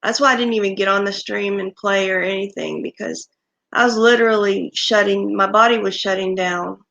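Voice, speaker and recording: A woman hosting a livestream, chatting casually with viewers and thanking them one by one, her voice creaky since she has just woken up and is recovering from illness. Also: mid-range voice, fairly even intonation, a little fast, a bit bright. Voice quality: creaky morning voice. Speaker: livestream host. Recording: dull lo-fi stream audio.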